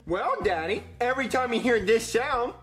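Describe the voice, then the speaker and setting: A man's voice: very high-pitched, animated, moderate pace, over loud music. A man voicing a bratty, foul-mouthed little boy puppet in a comedy skit, crude, defiant and whiny. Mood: cheeky.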